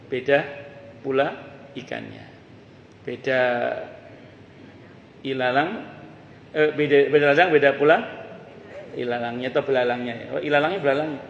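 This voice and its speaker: A man teaches a mosque study circle in a relaxed, conversational way, weaving in folk sayings and asides. His voice has a gravelly edge. The sound carries a long echo from the mosque hall, with faint ambience behind. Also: mid-range voice, highs cut off, a little hiss or hum. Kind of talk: religious study lecture.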